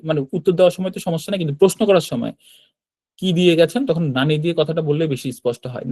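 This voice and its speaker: A man's voice: fairly high pitch, darkish tone, no room sound. A man teaching a Japanese grammar lesson, explaining step by step and often checking in with short tag questions. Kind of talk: classroom-style grammar lesson.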